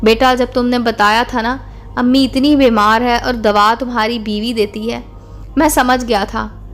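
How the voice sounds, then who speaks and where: A woman's voice: fairly high pitch, fairly even intonation, measured pace, a bit bright. Baba Murshid, a woman reading a kindly old holy man. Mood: tender. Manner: kindly, fatherly counsel. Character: wise old bearded male holy man, gentle.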